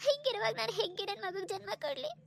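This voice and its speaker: A woman's voice: very high-pitched, fast talker, fairly bright tone. A woman voicing a tearful, pleading young pregnant village wife in a cartoon, sobbing as she speaks. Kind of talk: cartoon dubbing.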